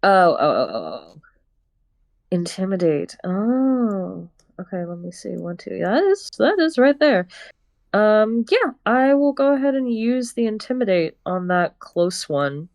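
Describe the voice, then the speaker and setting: A woman's voice: medium pitch, sing-song, a little slow, darkish tone. A woman player in a tabletop role-playing game, thinking aloud as she picks her moves. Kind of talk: casual game talk.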